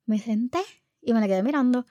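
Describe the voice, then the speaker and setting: A woman's voice: fairly high pitch, a little fast, dark tone, no room sound, lo-fi sound. A woman. She tells a family story casually from her living room and acts out the people she quotes. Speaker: mother telling a family story. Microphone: home recording set.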